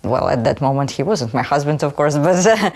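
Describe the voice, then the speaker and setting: A woman with a Ukrainian accent introduces herself calmly in a documentary interview. Her voice sits slightly low for a woman, and her phrasing is simple and measured. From Luhansk region, Ukraine. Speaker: cultural association member, former teacher.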